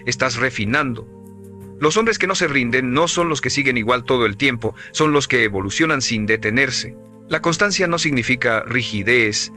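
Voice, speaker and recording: A man giving scripted motivational narration in an emphatic, measured, preaching cadence. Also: mid-range voice, sharp tone.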